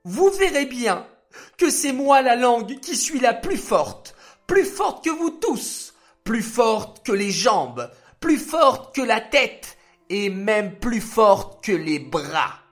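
A man voicing a tiny, boastful female tongue in a children's story, squeaky and insistent. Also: very animated, slow, soft background music, full character voice. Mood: defiant.

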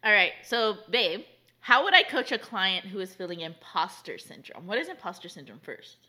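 A woman's voice: medium pitch, big pitch swings, normal speed, sharp tone. A woman business coach hosting a casual, teasing quiz with her husband, laughing often.

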